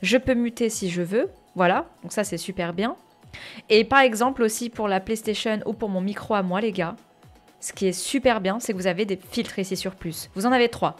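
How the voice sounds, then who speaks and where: A woman giving a casual tutorial on streaming software, chatty and full of fillers, calling her viewers "guys". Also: mid-range voice, brisk, soft background music. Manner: chatty, many fillers, addresses viewers as "les gars". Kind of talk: casual screen-share tutorial. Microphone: headset or desk mic with earphones.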